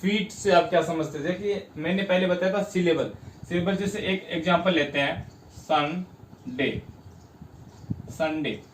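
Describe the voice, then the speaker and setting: A man from India teaching an English class, breaking words into syllables and stressing each one slowly. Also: high-pitched. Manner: slow, spells out syllables with stress. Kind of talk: classroom lesson. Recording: roomy, distant mic, faint background noise.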